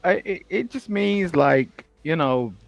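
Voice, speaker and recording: A man arguing in a casual online debate, halting with many fillers and restarts. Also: fairly high pitch, lively intonation, vocal fry. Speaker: debate panelist.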